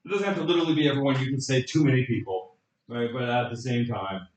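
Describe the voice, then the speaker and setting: A man's voice: medium pitch, quick pace. A male economics lecturer teaching a class, acting out little scenes and putting questions to his students. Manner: lively storytelling, acts out scenes, asks students questions. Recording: echoey classroom, voice from far off.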